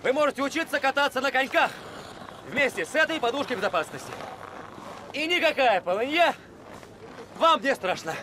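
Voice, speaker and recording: An actor playing an excitable, clumsy young fairground vendor, animated and flustered, in a film. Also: male voice, very high voice, normal speed, pauses often, slight background noise, full character voice. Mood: eager pitch. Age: young adult. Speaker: street vendor. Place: outdoor winter park. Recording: film soundtrack with loud music.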